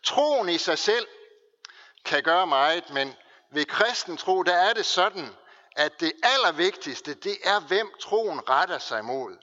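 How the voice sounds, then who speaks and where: Animated, bright-voiced male preacher in a church hall. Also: sits high, lo-fi sound. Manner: preaching with slow, weighty pauses and emphasis. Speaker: pastor. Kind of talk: sermon.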